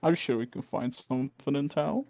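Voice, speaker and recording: A man player doing casual in-character role-play in a laid-back, gruff way. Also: medium pitch, moderate pace, darkish tone.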